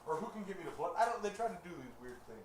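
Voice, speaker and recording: A man's voice: high-pitched, sing-song, racing. A man with a folksy, informal manner, chatting casually with viewers as a livestream host. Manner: folksy, informal address to the audience. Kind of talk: casual live-stream chat with viewers. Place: forge workshop. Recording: echoey workshop, loud background noise.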